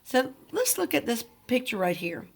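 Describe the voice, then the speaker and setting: A woman teacher reads a book aloud to her students, addressing them directly with discussion questions. Her husky voice is fairly high, with big pitch swings and vocal fry, at a normal speed.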